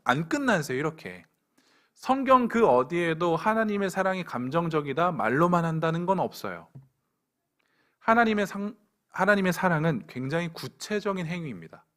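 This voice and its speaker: A man's voice: a little high, animated, normal speed, fairly bright tone. A young adult man preaching a sermon to a church young adults group, pointed and direct with playful asides. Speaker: pastor.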